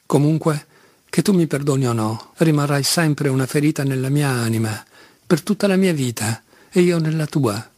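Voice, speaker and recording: A man's voice: fairly high pitch, normal speed, a little mellow, no echo, clean studio sound, lightly acted. A man voicing a proud, passionate young woman making fervent declarations, in an audiobook reading. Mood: tender.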